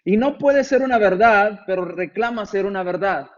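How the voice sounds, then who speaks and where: High-voiced preacher, lo-fi sound. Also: male voice, normal speed. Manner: conversational, rhetorical questions, acts out imagined replies. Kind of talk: sermon.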